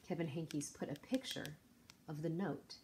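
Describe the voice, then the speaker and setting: A woman teacher reads a picture book aloud to kids with lots of expression, tossing in chatty remarks to her young audience. Her voice sits low and moves a little slowly, with heavy noise in the background.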